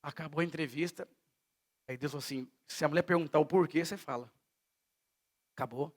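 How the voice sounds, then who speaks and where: A male pastor from Brazil preaching a sermon in a church service, telling stories and swinging between hushed and loud delivery. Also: a little high, brisk.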